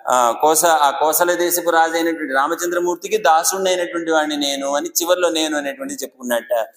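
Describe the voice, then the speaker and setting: A man's voice: a little high, fairly bright tone. A man giving a devotional sermon, telling a story and asking his listeners questions as he goes. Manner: storytelling, asks the audience questions. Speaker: religious discourse speaker. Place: temple. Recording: echoey temple hall with long reverb.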